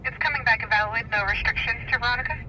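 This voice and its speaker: A man's voice: extremely high pitch, fast talker. A man working as a police dispatcher, heard over a radio scanner, reading out plate checks and unit codes in clipped radio talk. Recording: noisy, distant radio scanner audio.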